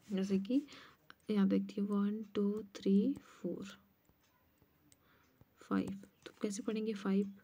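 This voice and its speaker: Hindi-speaking woman teacher, mellow and muffled. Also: medium pitch. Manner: steady step-by-step explaining, counting out place values; mutters asides under her breath. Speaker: maths teacher. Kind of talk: explaining a lesson at a board. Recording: muffled lo-fi recording.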